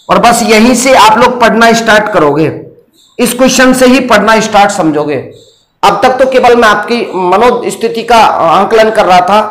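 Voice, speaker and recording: A man's voice: sits high, a bit bright. A male maths teacher lecturing in a classroom and quizzing his students with questions. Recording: roomy echo.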